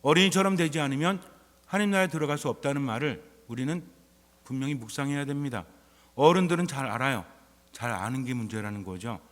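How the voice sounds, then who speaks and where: Priest preaching in a reverberant church. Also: male voice, mid-range voice, fast talker, fairly bright tone. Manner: conversational preaching full of rhetorical questions. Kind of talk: sermon.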